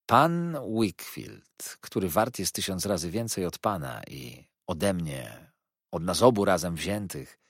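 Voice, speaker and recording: A man's voice: low-pitched, very animated, slow, breathy edge, dry recording, studio quality, heavily acted. A man voicing an earnest young man who answers tersely and coolly. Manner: terse, cool.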